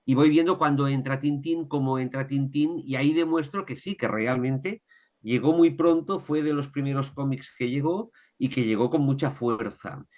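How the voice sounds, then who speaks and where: A male author with a Catalan accent appears as a guest in a casual interview, thoughtfully talking through his research with many restarts and tag questions. His voice is medium-pitched and a little mellow, at a moderate pace.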